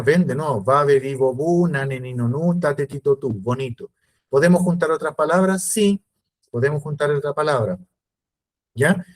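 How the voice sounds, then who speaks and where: A man's voice: fairly high pitch, darkish tone. A man teaching a virtual class, explaining step by step and checking in often with his students. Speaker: lecturer. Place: home, video call. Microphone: computer mic on video call.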